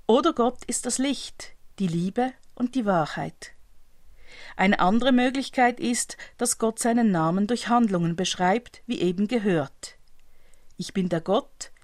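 Woman preaching slow and steady, explains things calmly, dry close sound. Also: fairly high pitch, no room sound. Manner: calm, measured, explanatory. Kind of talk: scripted religious reflection.

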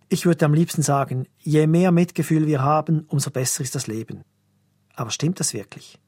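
A middle-aged pastor delivers a scripted sermon, calm and reflective, posing questions as he goes. His voice sits a little high for a man and has a husky edge. The close-miked recording is dry, with no room sound. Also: dry recording.

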